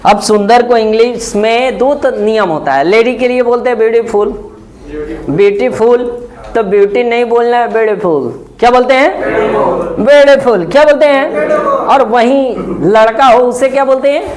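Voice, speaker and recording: A man's voice: very high voice, moderate pace. Male English teacher, lesson drill style, quizzes the class constantly, repeats and spells words. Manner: drills by asking "what will we say?" again and again. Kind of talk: spoken-English lesson in Hindi.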